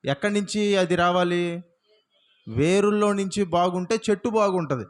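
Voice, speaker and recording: A man's voice: sits high, normal speed. A male pastor preaching a sermon, firing rhetorical questions at the congregation and punctuating points with repeated hallelujahs.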